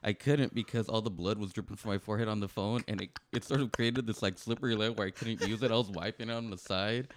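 A man's voice: fairly low pitch, fast talker, hardly any pauses, background noise. A man who is a guest on a podcast, telling a story in casual, profane chat.

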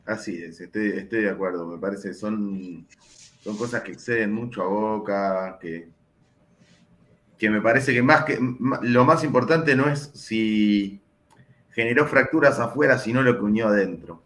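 A man with an Argentine accent, guest on a call, calm and measured, with a hoarse voice. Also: lowish voice. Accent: Argentine Spanish.

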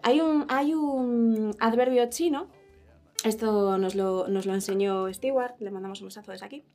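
A woman hosting a casual interview chat, lively and quick to laugh and exclaim. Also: on the high side, soft background music. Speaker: host.

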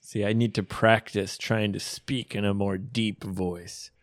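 A man's voice: lowish voice, steady tone, dry recording, studio quality. A man co-hosting a casual podcast, joking and teasing his partner. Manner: teasing, joking, slow and drawn out. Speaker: podcast co-host, English speaker. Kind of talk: casual bilingual chat.

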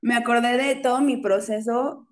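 A woman's voice: on the high side, fairly even intonation, normal speed. A woman speaking hesitantly in a casual podcast chat.

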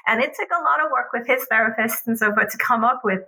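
A woman's voice: a little high, background noise. A woman, a guest on a talk show, chatting casually about parenting and acting out family exchanges with frequent laughs. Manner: acts out family exchanges in quick changes of voice; laughs often while telling stories. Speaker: podcast guest. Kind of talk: casual conversation.

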